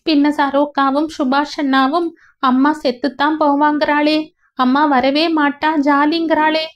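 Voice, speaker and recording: A small, tearful girl, voiced by a woman reading a storybook, pleads in a high, whiny, insistent voice. The audio sounds dull and lo-fi. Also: flat delivery, a little slow. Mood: doubtful, tearful.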